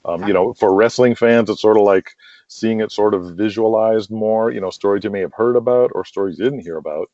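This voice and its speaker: Over a lo-fi, muffled call with noticeable room echo, a man with a warm, fairly low voice talks a little quickly. Casually interviewed about the wrestling audio drama he writes, he explains at length in a rambling manner, saying "you know" and "like" a lot.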